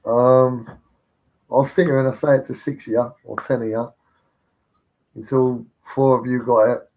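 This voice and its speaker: A man's voice: medium pitch, little pitch movement, measured pace, darkish tone, low-quality recording. Swearing, pushy man on a livestream. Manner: blunt, heavy swearing, pushy and insistent. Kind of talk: casual live-stream rant.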